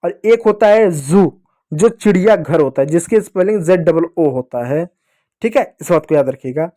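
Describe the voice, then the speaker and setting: A man's voice: on the high side, expressive, normal speed, warm tone. A male teacher giving a reading lesson to young children, patiently repeating each sound, asking questions and answering them himself, and calling his listeners dear children. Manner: addresses children fondly as dear kids.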